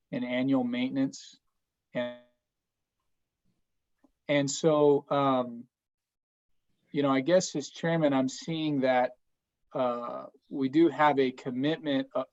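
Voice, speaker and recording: Chair calling in on a breaking-up cell phone, halting delivery, flat and steady voice, lo-fi sound. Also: male voice, mid-range voice. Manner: halting, many fillers and restarts. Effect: breaking-up cell phone connection. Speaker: committee chairman. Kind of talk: remarks at a public meeting. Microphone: phone on a remote call.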